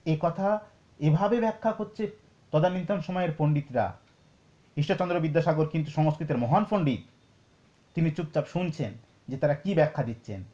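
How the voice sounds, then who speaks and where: A man teaching Sanskrit scripture, explaining slowly and reciting verses. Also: fairly high pitch, mellow, lo-fi sound. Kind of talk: lecture on scripture.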